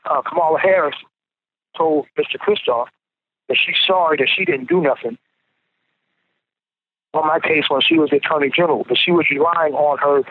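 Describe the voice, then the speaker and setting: This man phones in from prison for a relaxed interview, speaking at a moderate pace in a somewhat high voice with long pauses. The payphone handset makes him sound tinny, and he frequently repeats words as he begins again.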